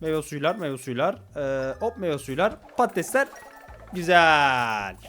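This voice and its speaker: A man giving hurried, excitable commentary while playing a restaurant game, talking to customers on screen. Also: fairly high pitch, faint music behind. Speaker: gaming YouTuber. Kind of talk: casual gameplay commentary.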